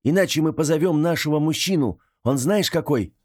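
A man's voice: expressive, brisk, a little mellow. Man putting on a jittery young woman's voice. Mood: frightened. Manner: high, trembling girlish voice.

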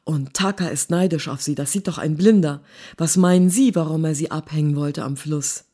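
A gruff middle-aged war reporter who grumbles and blusters, barking his lines before dropping to a hush, read out by a woman. The voice sits low and mellow, a storybook figure read aloud rather than fully acted. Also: normal speed. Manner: blustering, barking, then hushed.

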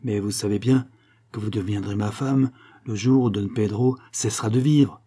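A man's voice: lowish voice, moderate pace, warm tone, slightly rough. A man voicing a jealous, mocking young Spanish nobleman in a cold, sneering manner.

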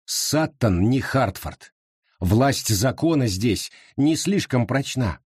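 A man narrating an audiobook with a dramatic, expressive reading. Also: medium pitch, takes it slowly, slightly rough, no echo, studio quality. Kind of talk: scripted narration.

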